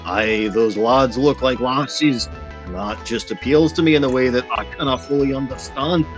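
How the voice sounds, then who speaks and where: A man streaming through a voice changer that shifts his voice deeper, rambling in a playful mock-pirate way full of "aye" and "lad". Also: moderate pace, over music. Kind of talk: rambling livestream commentary.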